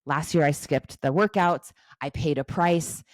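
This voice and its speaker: A woman's voice: low-pitched, a little slow, no echo, studio quality. A woman in her forties, a coach giving a frank, casual talk about habits, swearing now and then and laughing easily. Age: 40s.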